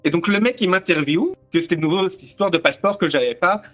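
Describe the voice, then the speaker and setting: A man from Brussels with a Belgian French accent, telling a personal anecdote in a lively, slangy way with plenty of swearing. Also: high voice, quick pace, faint music behind. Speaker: storyteller. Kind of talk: casual spoken anecdote.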